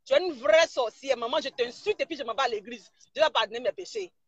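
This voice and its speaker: A woman's voice: high voice, animated, fast, husky, no room sound, highs cut off. A woman blogger, ranting mockingly and insulting someone during a live stream. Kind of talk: live-stream gossip rant.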